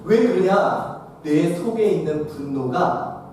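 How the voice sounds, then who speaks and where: A male pastor delivers a playful seminar lecture, peppering the room with questions. His voice sits high and swings widely. It is picked up from a distance in a big, echoey hall. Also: slow, a little hiss or hum. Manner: lively, questions the audience, acts out scenes.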